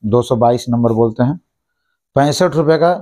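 In a small shop office, a thirtysomething male shop owner wearing a lapel mic gives a rundown of plastic products, saying each price twice at a brisk clip. His voice sits at a medium pitch and has a dark tone.

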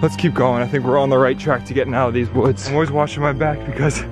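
With music underneath, a young man in his early adulthood narrates a vlog while hurrying through the woods, camera held out at arm's length. His mid-range voice is fast with fairly even intonation, yet his talk is urgent and excited, broken by gasps and exclamations.

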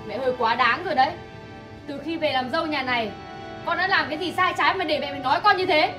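A woman's voice: high-pitched, fast, lightly acted. A woman playing an indignant young daughter-in-law. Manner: defensive, indignant. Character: young daughter-in-law, proud, falsely accused. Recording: distant voice over loud music.

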